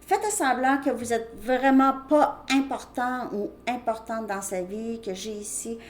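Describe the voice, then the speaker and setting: A woman's voice: fairly high pitch, measured pace. Chatty woman reading tarot. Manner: chatty, thinking aloud with many fillers and "ok?". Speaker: tarot reader. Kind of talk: casual tarot card reading to viewers. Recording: echoey room, faint background noise.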